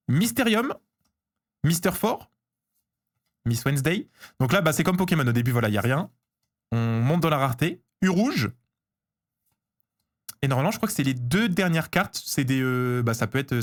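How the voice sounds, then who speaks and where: Lively, excitable male streamer. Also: a little high. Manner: chatty, excitable, reads and answers chat. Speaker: streamer opening trading cards. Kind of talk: casual live-stream chat.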